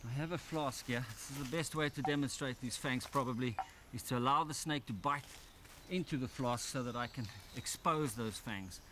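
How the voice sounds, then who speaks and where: Outdoors in a grove, a man presents a wildlife documentary, eagerly explaining things while handling snakes. His voice is medium-pitched and fairly bright, at normal speed, with slight background noise.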